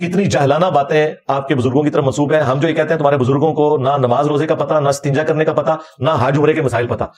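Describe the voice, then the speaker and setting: A man with a fairly high voice delivers a combative religious lecture. He ridicules the tales he retells with biting sarcasm and pointed rhetorical questions. He drops into Punjabi phrases when he imitates others. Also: fairly even intonation, darkish tone.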